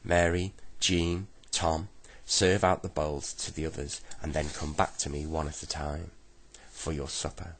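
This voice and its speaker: Storybook old woman, fierce and scolding, gravelly low voice raised up, as a male reader puts her on. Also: level tone, a little slow, exaggerated voice. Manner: scolding and shrill. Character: fierce bossy old woman who lives in a shoe.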